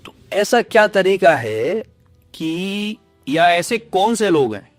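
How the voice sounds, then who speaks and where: A man's voice: high-pitched, very animated, slow, no echo, soft background music. A man hosting a health podcast, asking long, polite, meandering questions with English phrases mixed in. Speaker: podcast host. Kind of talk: interview questions.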